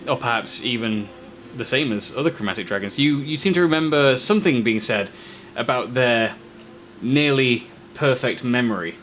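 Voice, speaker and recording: A man acting as game master, telling an improvised tabletop adventure in short, halting, descriptive phrases. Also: mid-range voice, a bit bright. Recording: faint background noise.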